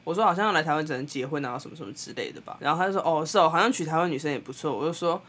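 A young Taiwanese woman with a Taiwanese Mandarin accent, co-hosting a podcast and telling a story in a blunt, animated way, laughing often. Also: sits low, rapid-fire. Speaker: podcast co-host. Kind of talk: casual storytelling chat.

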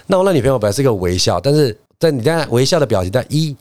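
Animated man telling a story. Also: medium pitch, very fast, no echo. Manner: animated storyteller, acts out quotes, laughs often. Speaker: podcast co-host. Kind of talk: casual storytelling chat.

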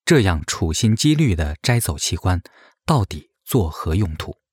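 A man's voice: low voice, very animated, a little slow, a little mellow, slightly rough, no echo, clean studio sound. A man reading a grave, scripted investigative narration, posing suspicious questions.

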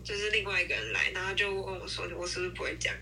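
A woman's voice: fairly low pitch, big pitch swings, very fast, creaky, pushed and bright, poor audio. A young woman talking casually as a podcast co-host, sharing personal anecdotes in an informal conversational way. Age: young adult. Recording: faint background noise.

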